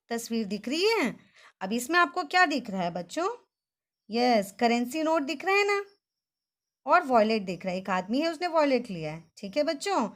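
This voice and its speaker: A woman teacher with a high, bright voice that leaps up and down as she coaxes young pupils. She breaks each Hindi word into syllables and repeats them slowly. Between words she cheers the class on in an animated, sing-song way. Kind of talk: children's Hindi vocabulary lesson.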